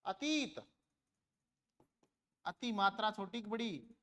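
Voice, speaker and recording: A man's voice: sits high, lively intonation, slow pace, pushed and bright. A man teaching a grammar lesson in a classroom, asking questions and answering them himself, and repeating words to compare how they sound. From India. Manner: repeats words to contrast vowel lengths.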